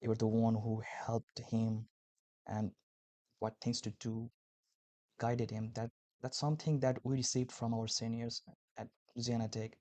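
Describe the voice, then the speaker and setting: Man, podcast host, friendly, complimentary, average pitch, dry close mic. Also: level tone, measured pace, warm tone, no echo. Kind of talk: casual interview conversation.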